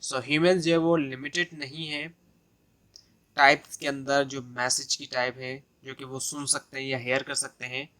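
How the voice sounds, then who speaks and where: A man's voice: mid-range voice, flat delivery, moderate pace, pushed and bright. A man with a Pakistani accent giving an exam-prep lecture, explaining step by step and restating his points with many "so" and "uh" fillers. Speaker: tutor.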